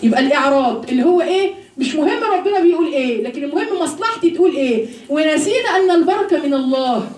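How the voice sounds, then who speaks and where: A woman with an Egyptian Arabic accent teaches a religious lesson at a quick clip, high in her voice and firing rhetorical questions at her listeners. She slows right down whenever she recites a verse. The recording is roomy and echoing, with the mic set a little away from her and a faint room hum behind. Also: warm tone. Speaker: religious teacher addressing women. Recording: roomy echo, voice from a distance.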